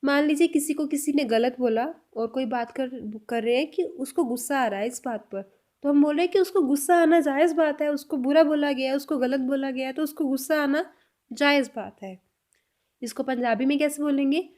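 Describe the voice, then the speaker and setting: A woman teaching a spoken language lesson, saying each example sentence slowly and repeating it before she explains it. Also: high voice, darkish tone.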